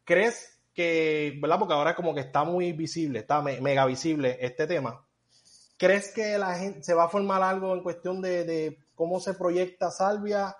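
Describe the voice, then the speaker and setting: A man's voice: high voice, moderate pace. A man hosting a podcast, teasing his guests in a playful way. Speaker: podcast host. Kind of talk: casual podcast chat.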